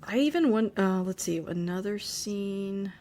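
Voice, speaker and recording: A woman's voice: mid-range voice, lively intonation, a little slow, a little mellow. A woman taking part in a casual film podcast, mostly giving short agreeing replies. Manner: brief agreeing replies, laughs easily. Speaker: podcast guest.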